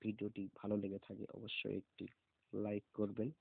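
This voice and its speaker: A man teaching Arabic letter pronunciation, saying each letter slowly and repeating it several times. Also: on the low side, monotone, creaky, husky, no room sound. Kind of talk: slow pronunciation lesson. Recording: tinny phone-like sound.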